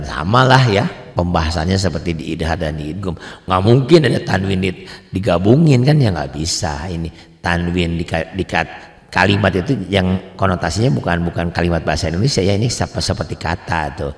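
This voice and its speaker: A man teaching the rules of Quran recitation in a casual lesson, asking and answering his own questions and stretching out example words in a slow chant. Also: sits low, long reverb tail. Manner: drops into slow drawn-out chanting on example words, quizzes himself aloud.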